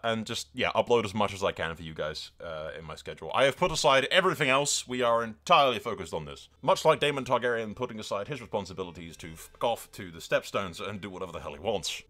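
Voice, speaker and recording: A gaming YouTuber hosts a let's-play, commentating in a rambling, enthusiastic, casual style that drifts into dramatic role-play and swearing, and he calls his viewers lads. His voice is fairly low and sharp, with game music in the background.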